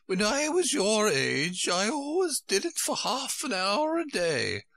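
Dotty elderly queen for a storybook, played by a man: piercingly high, bright, bossy and easily flustered. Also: huge pitch swings, vocal fry, no room sound, exaggerated voice. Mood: pitying, boastful. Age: older. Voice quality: shrill, squeaky, bleating. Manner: exclamatory, insistent, drawn-out delivery.

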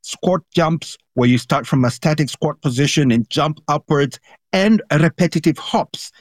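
Kenyan guy on a radio panel explaining science stuff, voice a bit high, dry sound. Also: a little slow, no echo.

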